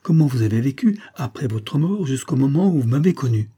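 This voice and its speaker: An anxious young husband in an audiobook, pressing with urgent questions, as a man reads his part. His voice is low, dark and slightly husky. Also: normal speed.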